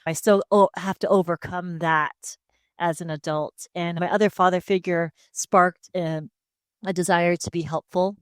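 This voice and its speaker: A woman from Hawaii talks openly through her life story in a relaxed interview on a headset mic. Her voice is smooth and clear and sits a little low. The sound is dry and close. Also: unhurried, dry recording. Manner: open, steady storytelling. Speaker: guest, speech-language pathologist. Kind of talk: casual interview answers.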